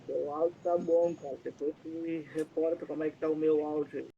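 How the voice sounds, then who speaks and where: A Brazilian man with a level, brisk, creaky and warm voice hosts a casual live stream from a dim room, rambling along with lots of fillers in a Brazilian Portuguese accent. He's on a computer mic with the headset taken off, and the audio is muffled and lo-fi with a faint rumble.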